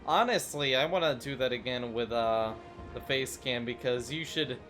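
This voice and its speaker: A man's voice: medium pitch, normal speed, a bit bright, faint music behind. A young man casually commenting while playing a city-building game, chatty and self-mocking, rambling into asides. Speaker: gaming YouTuber.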